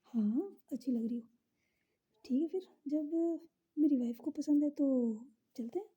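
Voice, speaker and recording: A woman voicing a teasing, caring young wife in a narrated story, in a soft, breathy voice. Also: sits high, measured pace, muffled recording, full character voice.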